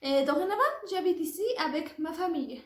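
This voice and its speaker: Her voice is very high-pitched and a little fast: a language student in her early twenties from Puebla, Mexico, native in Spanish with a Mexican accent. She gives a careful, formal prepared oral presentation, and the room sounds echoey.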